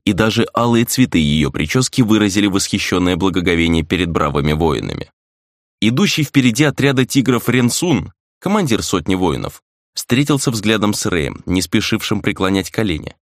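A man narrating a fantasy audiobook in an even, measured reading. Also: on the low side, no echo, clean studio sound.

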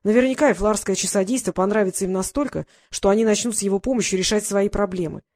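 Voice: mid-range voice, fast, a little mellow, close to an everyday voice. Fesh, a curt proud boy, read by a narrator. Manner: curt, blunt, self-assured. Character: grumpy proud boy with sharp wings.

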